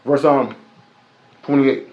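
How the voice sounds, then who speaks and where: A man's voice: medium pitch, fairly even intonation, takes it slowly, highs cut off. A man preaching a live-streamed sermon, emphatic and repetitive, with many rhetorical questions. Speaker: preacher teaching a Bible lesson. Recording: echoey room.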